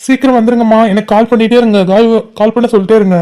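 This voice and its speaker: A voice actor playing a calm young man, a doctor son, giving instructions and reassurance over the phone in a cartoon. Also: medium pitch, very fast, lightly acted. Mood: calm instructing. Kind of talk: cartoon voice acting.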